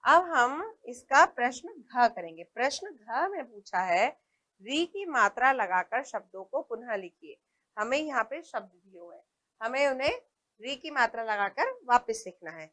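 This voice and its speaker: A woman's voice: a little high, big pitch swings, fairly bright tone. A woman teaching a primary school lesson, patient, asking questions and pointing out examples. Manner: patient, explains slowly and asks questions; points at the book as she talks.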